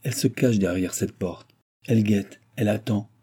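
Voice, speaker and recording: A man reading the part of a proud young noblewoman speaking from a trance, in a hushed, dreamy voice. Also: lowish voice, normal speed, slightly rough. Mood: entranced.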